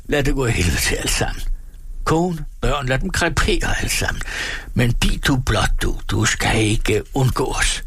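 A man's voice: animated, few pauses, fairly bright tone, husky, no room sound, full character voice. A man reading aloud and voicing a desperate, ranting poor peasant man who shrieks and curses. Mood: frantic. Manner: shrill, pleading and cursing. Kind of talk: dramatic reading.

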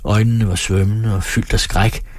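Male audiobook narrator, husky and low, measured delivery, dry close mic. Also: dry recording. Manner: steady, measured reading.

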